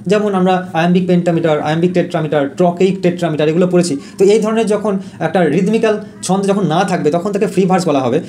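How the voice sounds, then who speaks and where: A male teacher with a high, mellow voice gives an exam-prep lesson. He explains in Bengali, slows right down to read English definitions, and fills his pauses with "ah" as he corrects himself. A faint hiss runs behind him. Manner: frequent fillers and self-corrections.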